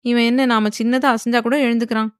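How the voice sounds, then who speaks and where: A woman's voice: fairly high pitch, little pitch movement, fast, clean tone, dry recording, studio quality, voice pushed up, natural voice. A woman voicing an irritated, scheming young wife who grumbles in an exasperated way in a storybook.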